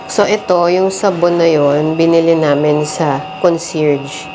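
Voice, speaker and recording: A woman narrates a family travel vlog in a chatty, easygoing way, walking viewers through a hotel laundry and a convenience store. Her voice sits a little low. A handheld camera picks her up with plenty of noise in the background. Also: steady tone, slow pace. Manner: chatty, keeps addressing viewers as guys. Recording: noisy handheld vlog audio.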